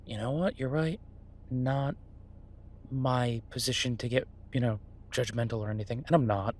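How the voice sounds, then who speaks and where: With a mid-range, fairly even voice close to everyday speech, this man plays Beau, a relaxed chef comforting his werewolf partner at a moderate pace. The delivery is conversational, halting and dryly amused. A little hiss or hum and ambient sound effects sit behind this naturalistic roleplay.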